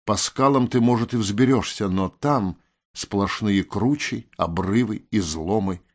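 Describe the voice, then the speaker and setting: A man's voice: fairly low pitch, a little slow. A man voicing a curt catlike woman. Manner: curt, probing. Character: sharp, wary catlike woman warrior.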